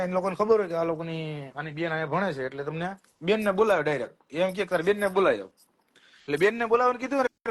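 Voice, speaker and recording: A man with a high-pitched voice, chatting casually as a co-host. He tells lively stories and acts out the voices of the people in them. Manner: lively anecdotes, acts out classmates' lines. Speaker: podcast co-host. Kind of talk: casual storytelling chat.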